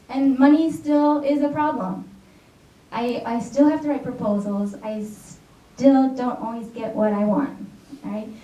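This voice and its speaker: An American secondary school teacher gives a chatty conference talk, her voice a little high and mellow, often checking in with "all right?" and "right?". The audio is echoey and dull, recorded from far away in the hall.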